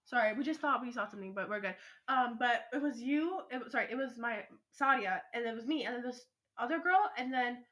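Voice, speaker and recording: With a congested, stuffy-nosed voice on the high side, a young teenage girl rambles excitedly as a podcast co-host, chatting and sharing stories. She speaks fairly quickly.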